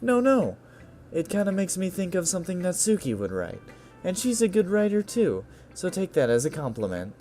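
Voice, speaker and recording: A man's voice: high voice, wildly swooping pitch, moderate pace, warm tone, voice pushed up. A confident teenage girl club president, as a man voices her in a game reading, sounds breezy and friendly. Her slightly raised voice swings up and down with easy cheer. Faint music plays behind. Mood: cheerful. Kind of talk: video game voice-over reading.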